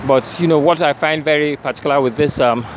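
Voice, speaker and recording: A man with a slightly high voice talks briskly, using a Nigerian accent and slipping into Nigerian Pidgin. He is doing a hesitant, unscripted field report and interview outdoors near a bridge. The recording picks up faint street and vehicle noise.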